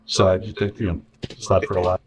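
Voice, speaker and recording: A former contestant, appearing as an interview guest, tells a candid, rambling story about a bitter experience with plenty of sarcasm. His voice sits low with little pitch movement, and he talks quickly. The distant mic gives a roomy sound, with a crowd in the background.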